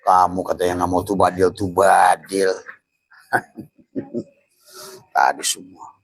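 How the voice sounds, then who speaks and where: A man's voice: deep voice, level tone, slow pace, creaky, low-quality recording. An older man giving a spiritual teaching, chuckling often and dropping into whispered asides. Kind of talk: Sufi religious teaching.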